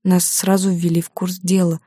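A woman's voice: lowish voice, level tone, normal speed, warm tone, slightly rough, no room sound, studio quality. Woman reading as a desperate middle-aged mother. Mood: pleading confession. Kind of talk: audiobook character voice.

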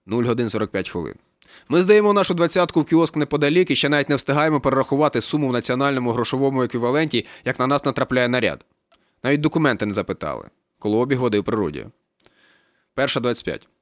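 A man reading a novel aloud as narrator, in a brisk, lively storytelling manner. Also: medium pitch, no room sound, studio quality. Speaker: audiobook reader. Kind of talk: scripted literary narration.

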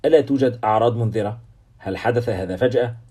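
Audiobook: man playing a dry, teasing veteran doctor, quick, husky. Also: mid-range voice, warm tone, lightly acted. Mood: wry, lecturing. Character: seasoned male doctor, wry and teasing.

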